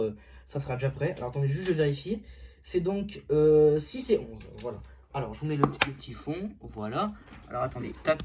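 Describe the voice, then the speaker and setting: Hesitant album reviewer, mellow voice. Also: mid-range voice. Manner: hesitant, many fillers and restarts; keeps saying "voilà". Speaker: music reviewer. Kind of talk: casual album review vlog.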